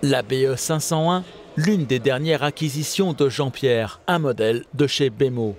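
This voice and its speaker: A man giving steady, scripted documentary narration. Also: medium pitch, normal speed. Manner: steady, informative.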